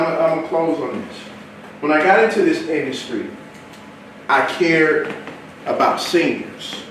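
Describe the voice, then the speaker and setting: A man with a fairly high voice gives an animated, repetitive motivational sales talk with a preacher-like rhythm to a live audience. He's heard from far off in an echoey, noisy event hall.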